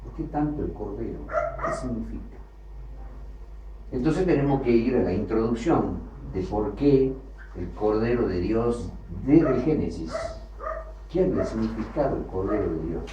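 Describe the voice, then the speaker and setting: A man's voice: lowish voice, animated, unhurried. A man teaching a sermon on the Bible, building his points through repeated phrases and rising emphasis. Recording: distant, roomy, dull lo-fi with faint hiss.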